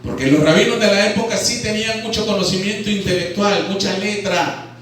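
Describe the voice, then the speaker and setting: A man's voice: high voice, steady tone, a little fast, fairly bright tone, a little hiss or hum. A man with a Nicaraguan accent preaching a Sunday sermon and firing questions at his congregation. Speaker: pastor. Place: church hall. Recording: very echoey hall, voice from far off.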